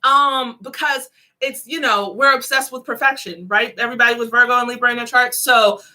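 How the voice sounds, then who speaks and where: A bright, sharp-toned woman with a lilt talks through a live tarot reading in a loose, chatty way. She giggles often and keeps calling her viewers "honey loves." Her voice sits a little high. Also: steady tone, fairly quick. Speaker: tarot reader.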